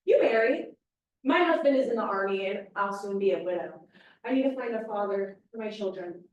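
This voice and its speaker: A woman's voice: medium pitch, expressive, a little fast, highs cut off, a little hiss or hum. A woman reading a play aloud, playing a pushy, blunt housewife. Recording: echoey room, distant mic.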